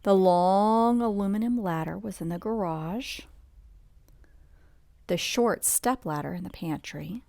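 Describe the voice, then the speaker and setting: Here a woman's mid-range, creaky, slightly mellow voice carries a bedtime picture-book reading with no room sound. Her pace is relaxed and her tone conversational as she breaks off to point things out and ask the listener questions.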